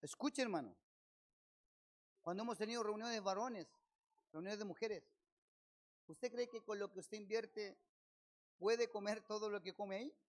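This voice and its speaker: A high-pitched pastor with a Chilean accent gives a church sermon at normal speed, pausing often. He directs rhetorical questions at the congregation and rises loud on central phrases.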